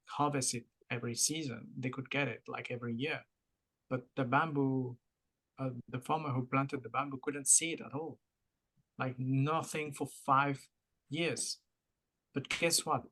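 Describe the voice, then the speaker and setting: Heard on a rough recording, a French-Mauritian-accented podcast co-host has a medium-pitched, somewhat bright voice. His casual, motivational style relies on analogies and upbeat repetition.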